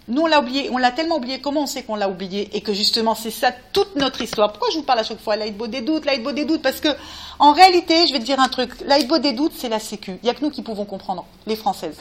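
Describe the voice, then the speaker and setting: Woman teacher, high-pitched, lively preaching, addresses listeners directly. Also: fast, a little hiss or hum. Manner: animated, talks to listeners directly, rising to cries. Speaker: Torah teacher. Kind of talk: spirited religious talk.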